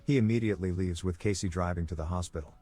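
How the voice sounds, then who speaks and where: A man giving a scripted narration, with a steady, even storytelling delivery. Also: low-pitched, fast, soft background music. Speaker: movie recap narrator.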